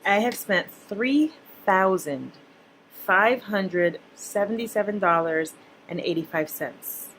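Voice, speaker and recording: A woman's voice: mid-range voice, expressive, takes it slowly, a bit bright, a little hiss or hum, low-quality recording. A young woman, a mother, vlogging about her spending in a chatty, blunt, casual way to her viewers. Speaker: personal finance vlogger, mother. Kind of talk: casual talk to camera.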